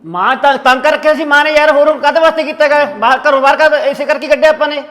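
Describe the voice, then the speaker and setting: A man's voice: very high voice, rapid-fire, fairly bright tone, long reverb tail. A man acting a brother in a family drama, talking dismissively.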